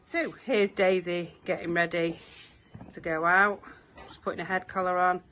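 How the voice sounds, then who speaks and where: A middle-aged British woman with a croaky voice, chatting casually to viewers as a horse-owning vlogger. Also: on the low side, steady tone, normal speed, a bit bright. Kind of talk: casual vlog chat. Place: in a car, then a stable yard. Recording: handheld vlog with background noise.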